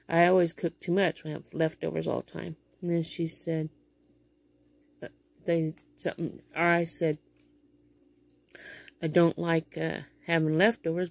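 Filming a home vlog on a phone held close beneath her face in a small bedroom, a woman in her fifties with a Midwestern American accent rambles through an everyday story, with many fillers and restarts. She has a low, gravelly, darkish voice, recorded dry.

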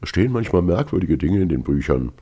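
A man's voice: sits low, very animated, fast, dark tone, breathy edge, exaggerated voice. A man doing a gossipy old sailor. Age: older. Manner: assertive, storytelling. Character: older chatty sailor man, gossipy and probing.

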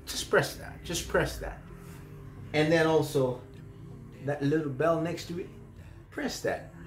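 Slightly high-voiced and taking his time, a Zambian cooking channel host in his thirties demonstrates home cooking in a small kitchen. He speaks with a Zambian accent, chatty and encouraging, using many fillers and questioning "mm?" tags, and there's a little hiss or hum on the audio.

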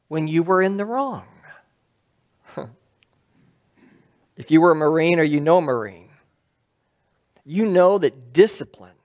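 A middle-aged man gives a sermon from a lectern in a church sanctuary, talking through a headset mic. His pitch rises and falls in a lively, animated way. He speaks conversationally and often turns statements into questions for the congregation. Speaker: pastor.

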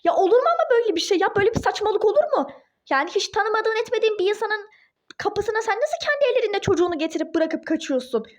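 A woman's voice: extremely high pitch, expressive, fairly quick. A woman voicing a furious, indignant young wife in a toy-game role-play drama, speaking in exclaiming outbursts. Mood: outraged.

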